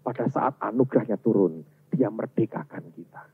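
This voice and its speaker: A man preaching a sermon as a pastor, emphatic and swinging from loud to soft. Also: on the low side, moderate pace, slightly rough. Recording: tinny, phone-like sound.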